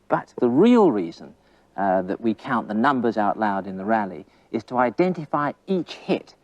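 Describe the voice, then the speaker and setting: Man, tennis coach, on court, counts hits aloud, lively pitch, muffled old recording. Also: no echo. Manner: coaxing questions with tag questions. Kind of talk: on-court teaching demonstration.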